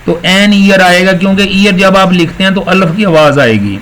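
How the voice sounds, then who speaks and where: A man giving a recorded English grammar lecture, explaining step by step, repeating words slowly and praising his students. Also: high voice, a bit bright, rough recording. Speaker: English teacher.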